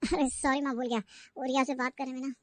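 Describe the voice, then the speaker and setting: An easygoing young husband voiced by a woman chats casually and shrugs things off in a cartoon. The voice stays high and races along, with a dry close sound. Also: flat delivery, quick pace, no echo, lightly acted. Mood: offhand. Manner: casual, brushing questions off. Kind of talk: cartoon voice acting.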